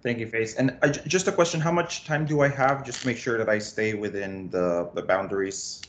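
A man's voice: mid-range voice, brisk, a little hiss or hum. A man in his thirties from Costa Rica, speaking as a data analytics instructor on a video call, explaining in a friendly way with frequent restarts. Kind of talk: online workshop presentation. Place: small home office. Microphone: webcam on a video call.

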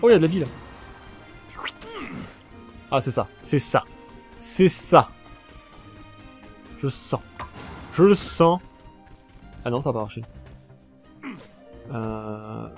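A man giving casual, jokey commentary on a video game while playing, shouting during fights. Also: medium pitch, expressive, slow pace, long pauses, soft background music. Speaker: let's play gamer.

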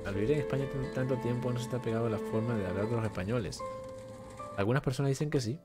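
This young Venezuelan streamer talks fast in a mid-range voice while playing games at home. Chatty and warm with his viewers, he reads chat aloud and answers their questions into a desk mic, with faint game music behind him.

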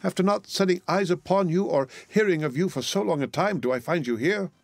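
Man playing a loving English sister, tearful, dramatic, mournful, raised pitch, audiobook character. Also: brisk, no room sound. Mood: tearful, pleading. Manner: wailing, mournful, exclamatory.

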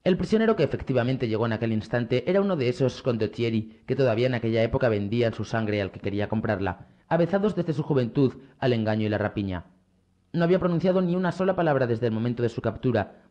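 A man reading a novel aloud as an audiobook narrator in a measured, steady way. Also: medium pitch, muffled recording. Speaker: audiobook reader. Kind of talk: scripted narration.

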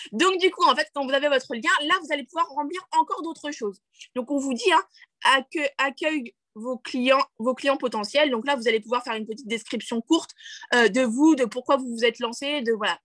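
With no room sound, a high-pitched, fairly bright-toned woman walks her video-call audience through a screen share. This network marketing team leader chats along with plenty of fillers and restarts, asks "d'accord?" often, and laughs at her own English self-deprecatingly.

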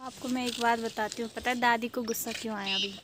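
A woman's voice: fairly high pitch, fairly even intonation, quick pace, very noisy. A young woman from Uttarakhand narrating a casual home vlog, chatty and talking to viewers, sometimes whispering. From Uttarakhand, India. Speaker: vlogger.

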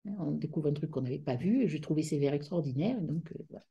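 Husky middle-aged woman lecturing hesitantly. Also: sits low, expressive, quick pace, dark tone, lo-fi sound. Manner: hesitant, searching for words with many fillers. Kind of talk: academic lecture. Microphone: video call.

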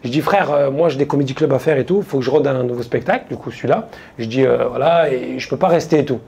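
A man's voice: medium pitch, gravelly, darkish tone. Man telling a slangy stage story. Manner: casual slangy storytelling, quoting friends in quick asides. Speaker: stand-up comedian. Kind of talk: stand-up storytelling. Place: stage before a live audience.

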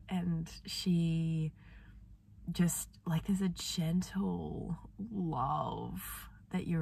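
A woman vlogger talking softly and gently in a reflective personal diary, her voice affected by a sore, swollen throat. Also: low-pitched, recorded from a distance. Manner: soft, gentle, meandering, with many fillers.

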